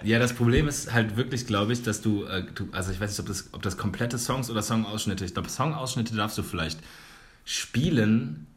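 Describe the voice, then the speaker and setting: A man's voice: on the low side, moderate pace. A young man co-hosting a casual podcast, talking loosely with slang and swearing, often dropping to a mutter. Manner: loose, swearing, drops into mutters and mock quotes. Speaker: podcast co-host.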